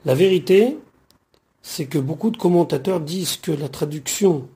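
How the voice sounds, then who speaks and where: Warm-voiced man teaching Torah verses. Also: on the high side, moderate pace. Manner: reads Hebrew phrases, then translates and explains them in French; patient, explanatory, dwells on grammar points. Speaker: rabbi teaching the weekly Torah portion. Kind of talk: verse-by-verse Torah study lesson.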